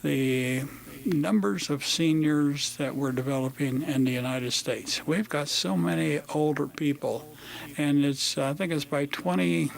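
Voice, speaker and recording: A man hosting a casual radio talk show from a studio, his voice sitting a little high for a man. He speaks haltingly, stopping and restarting often with lots of fillers. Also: creaky.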